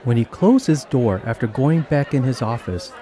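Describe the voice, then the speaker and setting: A man narrating an animated children's story, reading in an animated, expressive way. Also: mid-range voice, normal speed, crowd noise. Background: background music.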